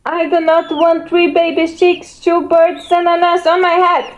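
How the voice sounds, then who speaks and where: Woman putting on a high, bewildered storybook elephant. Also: completely flat delivery, measured pace. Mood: exasperated. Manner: exclaiming, questioning. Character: worried, bewildered elephant picture-book character. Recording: muffled lo-fi home recording, background noise.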